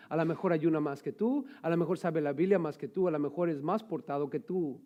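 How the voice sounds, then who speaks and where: A man's voice: a little high, dark tone. A man preaching a sermon as pastor, asking the congregation rhetorical questions and pressing his points hard. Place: church sanctuary.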